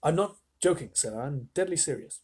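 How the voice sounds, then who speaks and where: A reader acts out an eccentric old factory owner from a children's storybook. He is emphatic and brisk, with an animated range and a husky edge to his voice. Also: medium pitch. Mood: earnest. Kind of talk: storybook reading.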